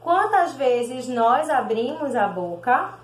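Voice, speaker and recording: A Brazilian woman gives a recorded primary school lesson, drawing out each word syllable by syllable at a very slow pace. Her voice sits a little high, and it rings in an echoey room. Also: very animated. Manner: slow, sounds out words syllable by syllable, calls pupils "meus amores". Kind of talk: recorded video class.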